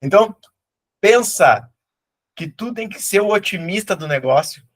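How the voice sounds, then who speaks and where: A man's voice: high-pitched, expressive, measured pace. A middle-aged man with a southern Brazilian accent, a teacher telling folksy motivational anecdotes and acting out the characters in them. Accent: southern Brazilian (gaúcho). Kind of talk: motivational storytelling.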